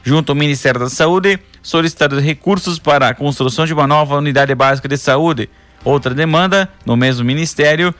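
A man reads scripted local news as a presenter, in a formal announcer's delivery with measured phrasing. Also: fairly high pitch, a bit bright.

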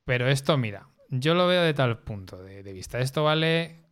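Clear-voiced Spanish man, casual podcast chat. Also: medium pitch, animated, normal speed, a bit bright. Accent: Spain. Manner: colloquial, opinionated, explains with repetitions. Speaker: podcast panelist.

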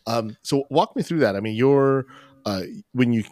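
A man's voice: medium pitch, normal speed, a little mellow, dry recording, clean studio sound. A man hosting an interview, asking loose, conversational questions. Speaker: podcast host. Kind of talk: casual interview talk.

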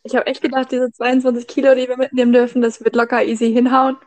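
Guest, woman in her twenties, slightly high voice, chatty, dry sound. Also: level tone, quick pace, darkish tone, dry recording. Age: 20s. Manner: chatty, cheerful storytelling. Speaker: podcast guest. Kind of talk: casual podcast chat.

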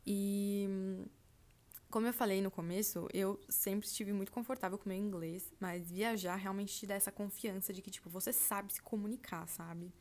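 On her podcast, a Brazilian host turning 20 recounts her trip at a normal speed, her mid-range, darkish voice keeping a fairly even intonation. She talks casually, leans on fillers like "tipo assim," and calls everyone "gente."

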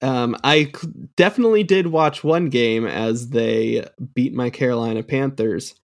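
A man's voice: medium pitch, unhurried, vocal fry. A man co-hosting a sports podcast, talking casually and hesitantly with lots of restarts and small laughs. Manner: hesitant, many fillers and restarts, laughs at own jokes. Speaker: podcast co-host.

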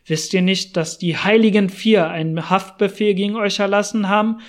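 A man's voice: high-pitched, steady tone, normal speed, close to an everyday voice. A man voicing a frightened older male settler in an audiobook, speaking urgently and anxiously.

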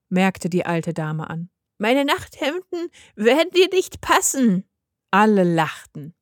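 Slow, dry-voiced woman reading a fairy tale. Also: mid-range voice, a little mellow, dry recording. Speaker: narrator. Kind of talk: audiobook narration.

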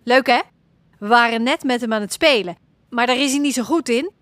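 A woman voicing a bold, chatty young girl in a children's audio story, talking lively and decisively. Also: fairly high pitch, a little fast, no echo, close to an everyday voice.

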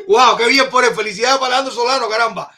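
A man hosting a casual live-stream chat, excitable and exclaiming, often repeating his phrases. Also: extremely high pitch. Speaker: podcast host.

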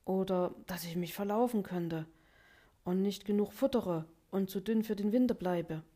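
Woman doing a high eager animal cub. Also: normal speed, dark tone, natural voice. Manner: eager, pleading, stammering. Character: anxious young male wild animal cub.

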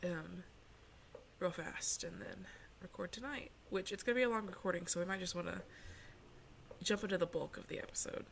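A woman's voice: on the low side, lively intonation, fairly quick, creaky, pauses often. A woman co-hosting a podcast in casual, chatty banter. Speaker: podcast co-host. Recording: noisy home recording with clicks.

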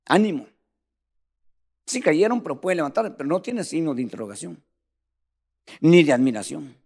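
A man's voice: fairly high pitch, expressive, normal speed, vocal fry, a little mellow, breathy edge, big-room sound. A man preaching a sermon in a fervent, emphatic way, speaking straight to the congregation.

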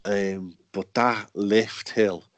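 Man, podcast host, lowish voice, chatty, joking, dry close recording. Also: fairly even intonation, very slow, dry recording. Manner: chatty, joking, laughs often. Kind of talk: casual chat.

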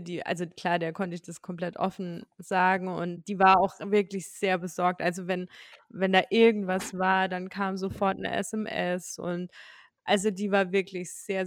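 A woman's voice: mid-range voice, dry recording. Frank young German woman, dry close sound. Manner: frank, animated storytelling with laughs. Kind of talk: casual conversation.

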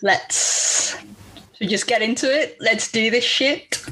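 A woman's voice: fairly high pitch, slow, sharp tone, breathy edge. A woman hosting a true-crime podcast, telling the case in a casual, blunt way and swearing freely. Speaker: podcast host.

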